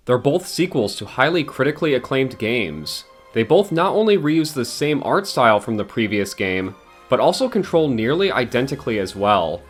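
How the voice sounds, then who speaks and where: A man giving a scripted, blunt and exasperated game critique as a video essayist, swearing now and then. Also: medium pitch.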